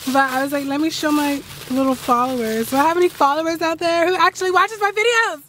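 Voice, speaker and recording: A tired woman in a rambling, excitable casual vlog to camera, recorded outdoors at night on a handheld phone after a long ride. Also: high voice, fast talker, a little hiss or hum. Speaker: travel vlogger.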